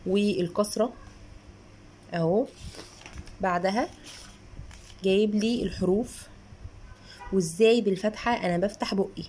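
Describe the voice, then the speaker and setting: A woman's voice: medium pitch, a little mellow, slight background noise. Chatty Egyptian mother reviewing books. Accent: Egyptian Arabic. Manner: chatty, earnest, slowly sounds out syllables. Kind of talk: casual book review vlog.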